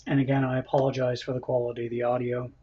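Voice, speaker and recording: This time the kitchen livestreamer talks rapid-fire in a completely flat, mid-range voice that's mellow yet slightly rough. He eats, chats, laughs often and reads out viewer comments, all captured as dull lo-fi audio from the camera's built-in mic.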